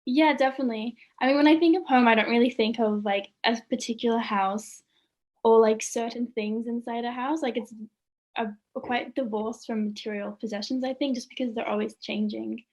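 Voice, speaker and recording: Brief: young student artist, woman, higher voice, casual and chatty, laughs easily. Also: fairly even intonation, fairly quick, darkish tone. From Australia. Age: young adult. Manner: chatty, many "like"s, laughs often. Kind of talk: casual interview chat.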